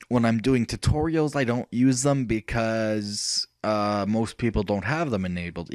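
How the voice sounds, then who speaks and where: A man hosting a software tutorial, thinking aloud as he clicks through features, rambling with fillers and self-corrections. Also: lowish voice, dry recording. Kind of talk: casual screen-recorded software walkthrough.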